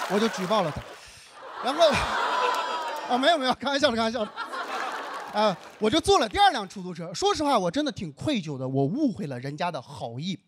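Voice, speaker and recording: A young man from northern China telling a stand-up comedy story, acting out the dialogue with lively delivery. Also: sits high, measured pace, pauses often, background noise.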